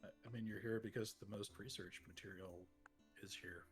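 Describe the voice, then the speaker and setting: Relaxed male game master, soft music behind. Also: fairly low pitch, fairly quick. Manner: relaxed, hesitant, laughs between lines. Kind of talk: running a tabletop game.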